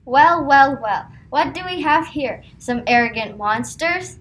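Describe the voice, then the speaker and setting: A sly, mocking trader acted by a woman talks in a high voice. It sounds like an amateur historical skit, with faint noise on the recording. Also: lively intonation, measured pace, a bit bright.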